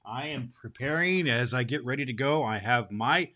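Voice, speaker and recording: A man's voice: medium pitch, animated, normal speed, sharp tone. A man playing a jolly old Santa Claus who hosts a children's storytelling show in a hearty, rambling manner. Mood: jolly, booming.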